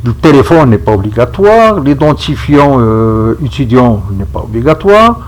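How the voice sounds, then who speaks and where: A man giving a step-by-step software tutorial, checking in with his viewers as he goes. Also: medium pitch, sing-song, rough recording. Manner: slow, step-by-step, checks in with "d'accord?". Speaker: instructor. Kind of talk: screen-recorded software tutorial.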